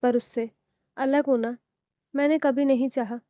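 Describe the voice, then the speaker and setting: A spoiled young married daughter, as a woman reads her, pleading through tears. Her voice is high and slow with a mellow tone. This is a storybook reading. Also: steady tone, dry recording. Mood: tearful. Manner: pleading, tearful.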